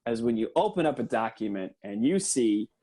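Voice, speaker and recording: A man doing an earnest, deadpan mock lecture for a comedy podcast, with lots of hesitant fillers. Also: mid-range voice, a little fast.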